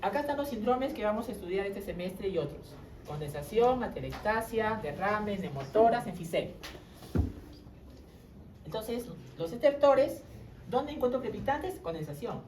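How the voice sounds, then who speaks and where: A woman's voice: medium pitch, animated, normal speed, background noise. Woman lecturing in a roomy classroom. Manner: quizzing students with tag questions. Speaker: medical lecturer. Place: lecture room. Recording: roomy classroom audio from far off.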